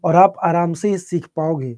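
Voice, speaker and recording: A man teaching a live online exam-prep class, speaking softly and unhurriedly while answering students' chat questions. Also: on the high side, dry recording. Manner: soft-spoken, calm and unhurried.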